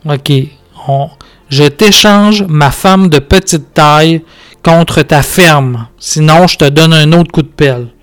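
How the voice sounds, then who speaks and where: A man's voice: a little high, slow pace, a bit bright, faint music behind. A man with a Quebec French accent hosting a podcast, joking playfully while playing a game. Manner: playful, joking, laughing asides. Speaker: podcast host.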